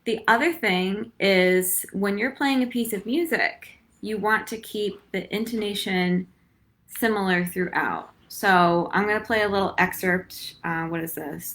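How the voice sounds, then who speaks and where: Young woman, bright tone, relaxed chatty flute teacher on a live stream. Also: mid-range voice. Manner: chatty, many ums, laughs easily. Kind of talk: casual live-stream lesson.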